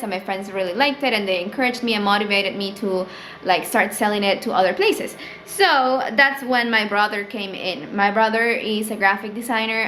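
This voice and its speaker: In a small room with a tea stock shelf, a young woman from Peru talks casually to camera about her small business in a mid-range, slightly bright voice. Spanish is her first language, she has a Peruvian Spanish accent, and she leans on "like" and "um," rising in pitch for quoted thoughts. A little hiss or hum runs under the audio.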